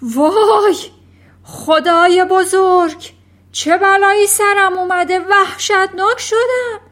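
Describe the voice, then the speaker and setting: A woman voicing a vain, hot-tempered middle-aged father who shouts in panic. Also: extremely high pitch, pitched above the performer's own voice.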